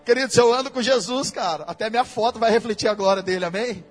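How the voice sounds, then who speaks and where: A man's voice: sits high, quick pace, faint music behind. A man with a Brazilian Portuguese accent preaching a sermon in a church, in a casual, slangy way that speaks straight to the listeners.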